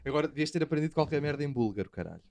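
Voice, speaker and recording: A man hosts a loose podcast chat with friends. His voice sits a little high, and he rambles, swears and laughs easily. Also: expressive, racing, creaky, a little mellow, no echo. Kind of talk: casual podcast banter.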